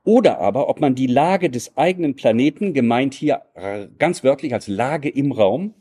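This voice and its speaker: Lecturer, male, formal and measured, dark husky tone. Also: medium pitch, lively intonation. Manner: measured, formal and elaborate phrasing. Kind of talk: academic lecture.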